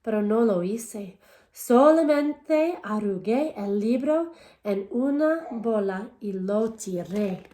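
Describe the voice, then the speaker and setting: Reading slowly in a bright voice of fairly high pitch, an elementary school teacher shares a picture book in both English and Spanish, taking turns between the two. She's expressive and asks the children questions. Echo fills the room.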